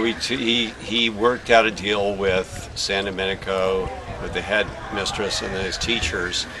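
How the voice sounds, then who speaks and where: A middle-aged man and sailing father chatting in a casual outdoor interview, telling stories with plenty of fillers. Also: lowish voice. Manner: chatty storytelling with many fillers. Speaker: sailor and father of a young racer. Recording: noisy outdoor recording.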